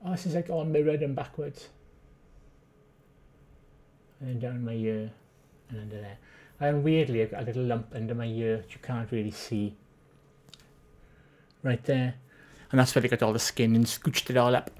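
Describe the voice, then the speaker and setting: Chatting a little fast in a mid-range, slightly mellow voice, this Welsh streamer with a Swansea accent reads out the chat. The tone stays chatty and self-deprecating, with jokes at their own expense.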